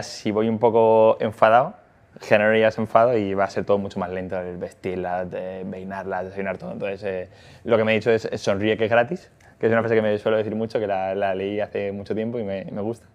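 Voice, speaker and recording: Man, casual chat, fast and halting delivery, low pitch, muffled lo-fi recording. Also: level tone, a little mellow. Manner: hesitant, many fillers and restarts. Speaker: factory worker and father. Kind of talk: casual conversation.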